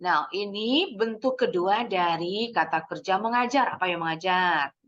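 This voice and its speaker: A woman English teacher leading a kids' lesson, slowly modeling words for the class to repeat, mixing English phrases into her explanations and praising answers. She clears her throat often. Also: on the low side, fairly bright tone, muffled recording, a little hiss or hum. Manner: encouraging praise after answers. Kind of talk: online English lesson for kids.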